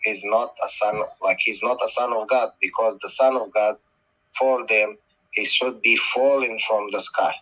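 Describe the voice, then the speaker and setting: Bright, forceful Tongan-accented man. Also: lowish voice, fairly even intonation, measured pace, low-quality recording. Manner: emphatic, repeats phrases, poses rhetorical questions. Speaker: guest speaker. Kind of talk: explanatory religious discussion.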